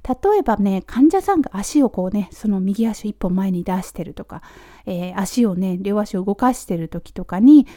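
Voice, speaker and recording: A Japanese woman giving a casual spoken English lesson, repeating model phrases slowly, with Australian-flavored English. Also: mid-range voice, lively intonation, dark tone, no room sound, studio quality. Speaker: English teacher for nurses.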